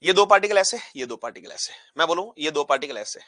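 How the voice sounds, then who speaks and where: A man with a slightly high, bright voice teaches physics in a dry, close-sounding recording. He fires questions at the class and answers them himself, repeating each key term. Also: fast, no echo. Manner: call-and-response questions, repeats key terms; animated, acts out particles pushing apart. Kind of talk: classroom lesson at a board.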